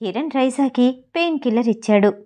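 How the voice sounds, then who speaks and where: A woman narrating a novel aloud in a steady storytelling delivery. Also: fairly high pitch, fairly quick. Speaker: audiobook narrator.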